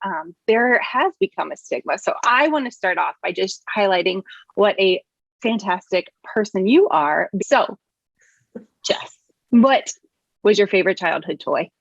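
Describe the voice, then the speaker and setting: A woman's voice: medium pitch, lively intonation, measured pace, vocal fry, no echo, dull audio. A woman hosting a podcast, earnest and upbeat as she introduces her topic and guest. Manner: earnest, upbeat, frequent laughs. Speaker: podcast host. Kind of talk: casual podcast interview.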